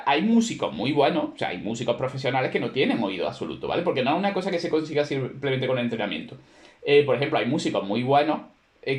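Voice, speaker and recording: A man's voice: medium pitch, roomy sound. A man teaching a class, explaining at length in a conversational way with many fillers and rhetorical questions to his students. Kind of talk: classroom lecture.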